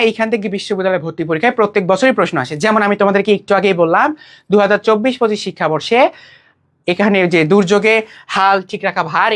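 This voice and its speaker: A woman teaching a grammar class for an admission exam, speaking. She asks questions and answers them herself. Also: medium pitch. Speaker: admission test Bangla tutor. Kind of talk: online exam-prep lecture.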